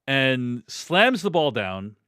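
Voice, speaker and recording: Male podcast host, animated pitch, dry close sound, talks through film scenes casually. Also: slow pace, clean tone, dry recording. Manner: chatty, recapping scenes with lots of "like".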